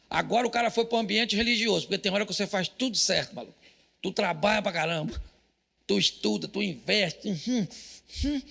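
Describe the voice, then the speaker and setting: Bright, gravelly-voiced joking preacher man. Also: high-pitched. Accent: Brazilian Portuguese. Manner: jokey, rapid-fire preaching with shouted punchlines and audience call-outs. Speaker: pastor. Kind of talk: live church sermon.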